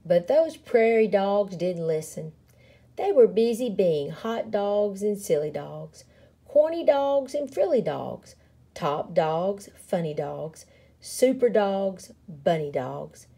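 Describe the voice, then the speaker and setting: With a gravelly, mid-range voice, a woman reads a children's picture book out loud, dramatically and expressively. She places her emphasis deliberately and with a playful touch.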